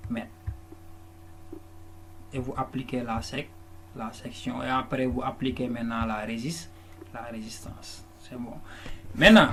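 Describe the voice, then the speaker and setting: Patient man teaching a lesson. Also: medium pitch. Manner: patient, repeats and restarts words, checks with listeners. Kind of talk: classroom lesson walkthrough. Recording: faint background noise.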